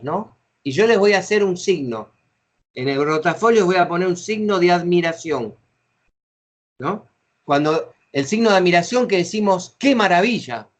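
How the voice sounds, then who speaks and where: A middle-aged man with an Argentine accent leads a training session for facilitators, chatty and acting out example phrases as he explains. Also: on the high side. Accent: Argentine Spanish.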